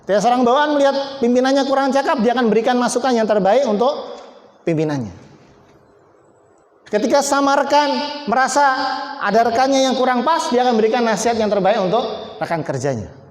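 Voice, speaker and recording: A man's voice: very high-pitched, animated, quick pace, long pauses. A man giving a motivational talk to a company team, emphatic and repetitive, joking with people in the audience. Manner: emphatic, repeats key words, jokes with named audience members. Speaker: motivational speaker. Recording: echoey hall, long reverb.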